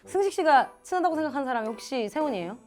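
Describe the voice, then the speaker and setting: A woman's voice: high-pitched, animated, racing, music in the background. A woman in her thirties hosting a casual talk show, teasing her guests in playful banter.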